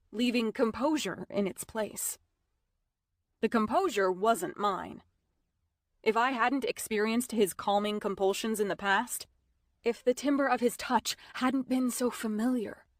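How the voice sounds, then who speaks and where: Woman audiobook narrator, slow unhurried delivery, dry close studio sound. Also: mid-range voice, no echo. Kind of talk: first-person audiobook narration.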